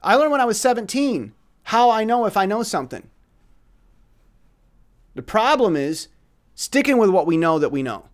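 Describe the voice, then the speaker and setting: An earnest man talks through life advice in a casual, reflective monologue. His voice sits a little high and moves a lot in pitch. He stammers into restarts and drifts between louder, emphatic stretches and quiet ones. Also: sing-song, moderate pace, pauses often. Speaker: speaker giving life advice.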